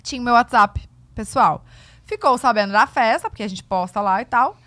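Bright-voiced blunt woman podcast host. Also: fairly high pitch, brisk. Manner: blunt, expressive, acts out quotes. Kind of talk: casual chat.

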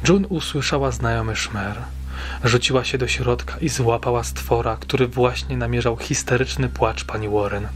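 A man reading a story aloud in a steady, measured way, as an audiobook narrator. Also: mid-range voice, slight background noise.

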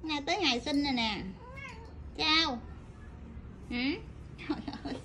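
A woman's voice: high-pitched, unhurried. A woman who runs a pet shop, coaxing and questioning her cat in a mother-like way. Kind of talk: casual talk to a pet. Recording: noisy room with meowing cat.

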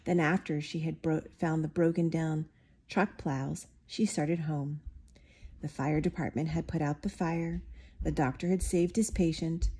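A woman reading a picture book aloud, giving the characters lively, expressive voices. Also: sits low, a little slow, husky. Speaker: storybook reader.

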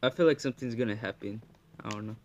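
A man's voice: fairly low pitch, quick pace, a little mellow, slight background noise. A young man casually commentating a horror game with a friend, as a scared, jumpy streamer who exclaims a lot.

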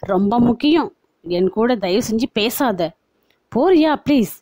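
A woman's voice: fairly high pitch, expressive, moderate pace, dark tone, no room sound. A woman reading a story aloud and voicing an exasperated young husband who frets and mutters to himself.

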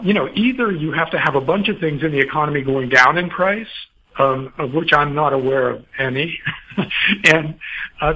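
A man's voice: fairly high pitch, slightly rough, dull audio. A man answering interview questions as a financial commentator, rambling with many fillers and restarts.

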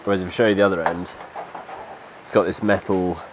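This deep-voiced DIY vlogger, in his thirties and congested from a cold, talks briskly and with fairly even intonation as he explains a job outdoors. He works under a shelter while light rain falls behind him. The casual step-by-step walkthrough is captured on a lapel mic.

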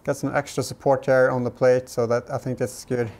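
Working in his garage workshop and in the back of a car, a man in his thirties gives hands-on DIY commentary, hesitant and casual, as though thinking out loud. His mid-range voice is flat, a little fast and slightly mellow.

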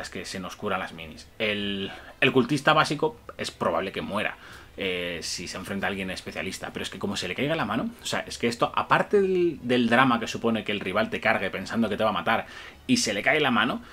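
A man's voice: fairly low pitch, a bit bright, slightly rough. A man breaks down tabletop game rules to camera with eager enthusiasm. He chuckles often and peppers his explanations with "eh" and "vale". The sound is that of a webcam at a desk in a small room. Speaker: tabletop wargame rules reviewer.

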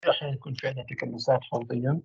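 Guy rattling off a med lecture, super raspy, kinda muffled lo-fi audio. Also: medium pitch, level tone, a little mellow, dry recording. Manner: halting, trails off mid-phrase into drawn-out fillers. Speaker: medical lecturer. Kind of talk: university radiology lecture. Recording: dull lo-fi dry recording.

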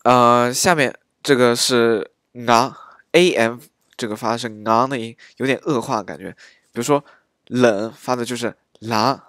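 Man, dialect pronunciation lesson, slow halting delivery, dry close recording. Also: medium pitch, a bit bright, dry recording. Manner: slow, halting, many filler sounds. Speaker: dialect teacher.

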